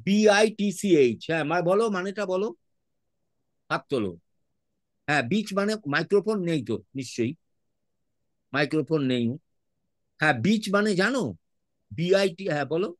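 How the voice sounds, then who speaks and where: A man with a Bengali accent teaches a class over a video call, spelling words letter by letter with patience. His pitch sits a little high and swings about a lot. The sound is dry and close. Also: expressive, moderate pace, pauses often, dry recording. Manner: mixes English words into his speech. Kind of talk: online class lesson.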